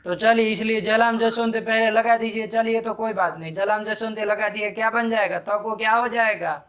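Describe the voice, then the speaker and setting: A man teaching Sanskrit grammar in a live class, quizzing his students briskly and scolding them sharply when they answer wrong. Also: sits high, fairly even intonation, a bit bright.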